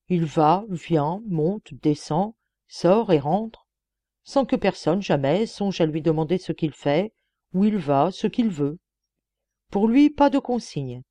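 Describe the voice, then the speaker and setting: A woman's voice: lowish voice, animated, slow pace, mellow, no room sound. A woman voicing a shrewd, earnest young male police detective in a storybook reading, persuasive and emphatic.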